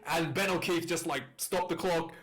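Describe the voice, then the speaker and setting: A man's voice: a little high, steady tone, moderate pace, background noise. A man casually reviewing a rugby match, rambling with fillers and restarts, recorded on a distorted, clipping mic. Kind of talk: casual video commentary.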